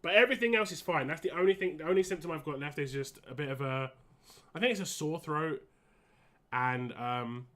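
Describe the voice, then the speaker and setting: A man chats casually on a gaming live stream, rambling and stopping to restart. His voice is a little high and forceful in tone, with the wheezy, short-winded sound of someone fighting a cold. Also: fairly quick.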